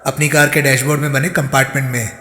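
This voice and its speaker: A man's voice: mid-range voice, flat delivery, quick pace, sharp tone, echoey room, big-room sound, lightly acted. A man voicing a defensive young woman under suspicion, giving guarded, protesting replies.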